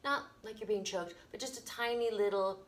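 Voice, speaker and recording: A middle-aged woman giving casual yoga instruction as a teacher, explaining informally with soft emphasis and little pauses, recorded in a living room by a camera a few feet away. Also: mid-range voice, fairly even intonation. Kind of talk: casual instructional talk, guided breathing demonstration. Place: carpeted living room, indoors.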